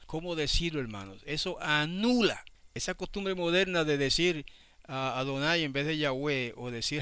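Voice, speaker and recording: A man's voice: on the high side, sharp tone, clean tone, no echo. A man preaching a sermon, explaining things and often asking his listeners rhetorical questions. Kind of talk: sermon teaching.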